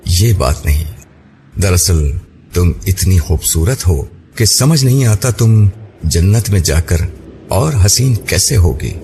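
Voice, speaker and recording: A man voicing a calm young husband who speaks gently and teases lightly, over a noisy recording. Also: low voice. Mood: gentle. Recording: noisy background hiss.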